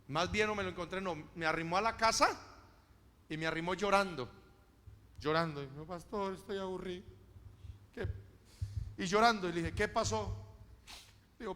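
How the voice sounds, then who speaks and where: A male pastor giving a sermon, telling stories, acting out dialogue and building to loud passages. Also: high voice, big-room sound. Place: church.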